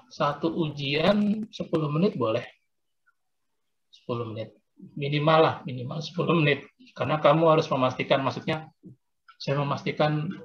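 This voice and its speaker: A man teaching religion, explaining a practical exam to his students in a casual, patient way with frequent fillers, over a video call. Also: on the high side. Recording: dull lo-fi video call audio.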